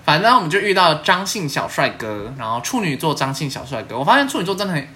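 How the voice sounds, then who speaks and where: A woman's voice: deep voice, quick pace, a little hiss or hum. A young woman with a Taiwanese Mandarin accent, hosting a casual podcast chat and telling stories with lots of laughter and playful swearing. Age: young adult. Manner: animated storyteller, laughs often, swears playfully. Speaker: podcast host.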